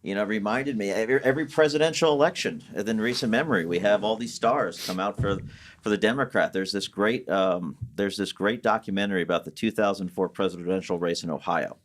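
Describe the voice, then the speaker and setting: A man with a fairly low voice talks as a guest on a podcast panel. He rambles through his anecdotes with lots of asides and restarts. The chat is casual and loose. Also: fairly quick.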